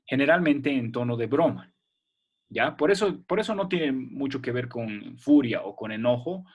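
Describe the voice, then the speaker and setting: A man's voice: mid-range voice, animated, moderate pace, husky, muffled recording. A male teacher leads a remote lesson for children, his voice sitting in an ordinary middle range. He explains patiently step by step and keeps checking that the class is following.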